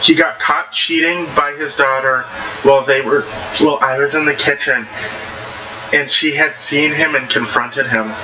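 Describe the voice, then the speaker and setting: A man with a mid-range voice reads online stories aloud in a casual way, sometimes tripping over words and throwing in blunt, slangy remarks. His tone is steady and his pace measured, though the audio sounds dull and the background is noisy.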